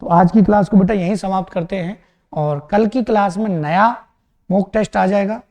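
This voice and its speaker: High-voiced man teaching a brisk math lesson. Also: a little mellow, long reverb tail, muffled recording. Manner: brisk, reassuring, often checks in with students. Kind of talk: exam-prep math lesson.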